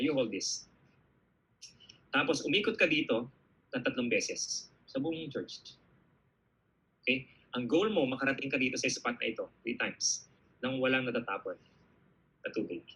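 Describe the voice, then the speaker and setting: A man's voice: medium pitch, slightly rough, low-quality recording. A man with a Filipino accent giving a motivational talk to an audience, telling stories with lots of energy and checking in with "okay?" as he goes. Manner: energetic, animated storytelling, frequent "okay?" check-ins. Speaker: business speaker answering audience questions.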